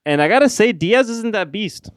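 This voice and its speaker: Young male co-host, relaxed and profane, clean voice on a dry close mic. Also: high-pitched, normal speed, no echo. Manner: laid-back, laughs often, swears casually. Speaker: podcast co-host. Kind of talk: casual chat.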